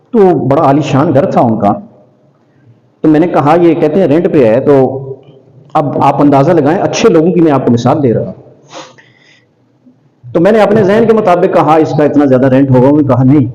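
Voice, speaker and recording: Guy giving an earnest preachy talk, bit high voice, echoey hall, muffled lo-fi sound. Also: dark tone. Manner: earnest, admonishing, slips into Punjabi. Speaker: religious scholar. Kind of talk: sermon-style talk with anecdotes.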